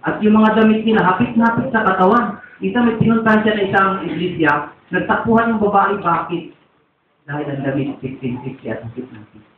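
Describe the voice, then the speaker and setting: His pitch sits high and he talks fairly quickly as this Filipino man preaches, telling his testimony in a meandering, storytelling way. A faint hiss or hum accompanies the distant, tinny, echoing church recording.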